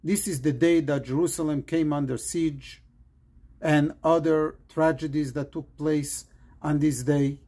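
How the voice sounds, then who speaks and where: A man from Morocco, a rabbi, giving an earnest pre-Shabbat sermon in short, measured phrases. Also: on the high side, steady tone, dark tone.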